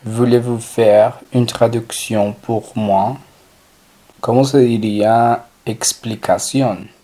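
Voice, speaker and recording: A man teaching French in a recorded lesson, slowly drilling and repeating each phrase. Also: mid-range voice, fairly even intonation, mellow. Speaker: language teacher.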